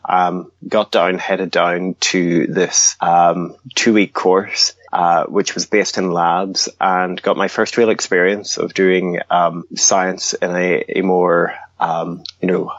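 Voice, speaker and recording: A man from Northern Ireland, raised in the Scottish Highlands, answering interview questions in a hesitant way, full of ums and restarts. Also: no room sound, muffled recording. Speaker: guest, research advocacy director. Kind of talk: interview conversation.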